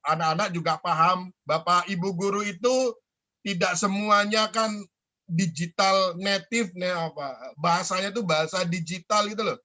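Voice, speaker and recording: A man's voice: sits high, sharp tone. A man from the school staff replying to students' suggestions on a video call, hesitant, with many fillers and restarts. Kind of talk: online school forum reply.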